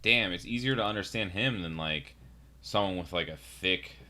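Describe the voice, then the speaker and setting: Deep-voiced, loose-talking young man. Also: moderate pace, pushed and bright. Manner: loose, profane, rambling storyteller. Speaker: podcast co-host. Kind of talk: casual chat.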